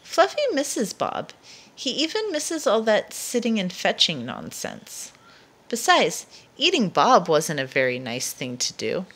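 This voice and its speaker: In a slightly slow read-aloud for young children, a woman's pitch rises and falls freely as she dramatically stresses key words in an expressive storyteller's manner. A slight hiss or hum runs under the recording.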